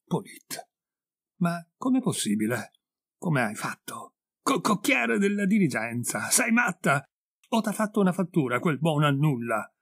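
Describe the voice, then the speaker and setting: A man's voice: fairly high pitch, big pitch swings, measured pace, breathy edge, no room sound, clean studio sound, full character voice. A man voicing a furious old peasant mother. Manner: scolding, shouting insults.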